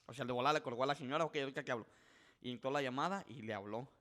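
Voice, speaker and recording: A podcast guest with a medium-pitched voice tells a story casually at a rapid-fire pace. He's animated, acting out the voices of the people involved and frequently restarting his sentences.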